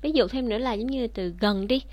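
Higher-pitched woman teaching a language lesson. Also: a little fast, a little mellow, no echo. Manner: patient, explanatory, addresses viewers directly.

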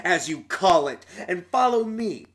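A man voicing a loud, blustering male cannibal ghoul in a casually read folk tale, pushing his voice up and booming. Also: big pitch swings, a little slow, heavily acted. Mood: gruff. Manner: bellowing, brash, crude modern slang.

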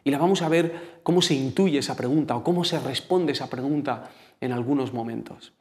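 A man's voice: mid-range voice, a little fast. Man, Spain Spanish accent, sermon, casual storytelling, talks straight to the congregation. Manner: conversational storytelling, addresses the congregation directly. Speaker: preacher.

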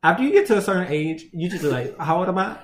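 A man in his twenties co-hosting a podcast, chatting in an animated, joking way. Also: sits high, quick pace. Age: 20s. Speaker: podcast co-host. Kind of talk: casual chat. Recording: echoey room, faint background noise.

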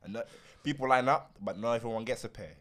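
A man's voice: mid-range voice, fast talker, a bit bright. A young man with a London roadman accent hosting a podcast in casual, slangy, streetwise banter, often checking that he is understood. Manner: streetwise, repeatedly checks in with "you feel me". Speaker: podcast host.

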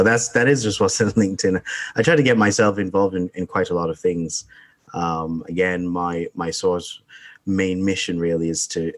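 Deep-voiced young man, hesitant interview guest. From Barbados. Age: 20s. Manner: hesitant, many ums and restarts. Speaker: podcast guest, entrepreneur. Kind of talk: casual interview talk.

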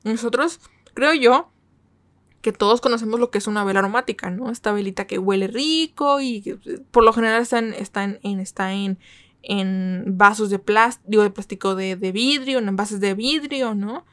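A woman's voice: mid-range voice, moderate pace, a bit bright, no room sound. Chatty woman, dry close sound. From northern Mexico. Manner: chatty, asks listeners for agreement with frequent tag questions. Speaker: K-drama reviewer. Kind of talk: casual review chat.

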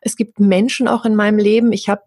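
A middle-aged woman speaking as an interview guest, earnest and animated, who sometimes acts out the voices of other people. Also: mid-range voice, fairly quick, dry recording, studio quality. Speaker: interview guest, hypnosis practitioner. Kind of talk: candid conversational interview.

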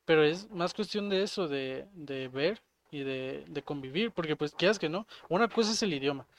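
A man's voice: a little high, lively intonation, moderate pace, no room sound. A man with a Mexican accent from Jalisco, co-hosting a podcast in casual chat and explaining ideas with everyday examples. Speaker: podcast co-host.

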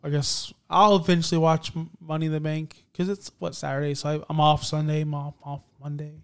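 Male podcast co-host, higher-pitched and crisp, casual chat with sarcastic edge. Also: level tone, a little fast. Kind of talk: casual wrestling commentary chat.

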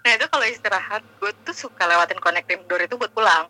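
A woman calling in over the phone, telling a personal ghost story in a halting casual way. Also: mid-range voice, bright, forceful tone, low-quality recording. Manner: halting, searching for words. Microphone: phone call.

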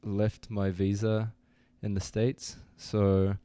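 A young man born in New Zealand, a student guest telling his story in a relaxed, easygoing way on an interview podcast. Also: fairly low pitch, slow, clean tone, no echo. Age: young adult. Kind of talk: casual interview.

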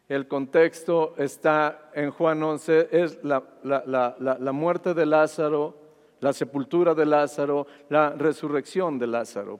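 A man's voice: mid-range voice, clear, resonant tone. A man preaching a sermon, retelling a Bible passage and often checking with the congregation. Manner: asks the congregation "¿sí?" constantly, retelling scripture with rising fervor. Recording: long hall reverb.

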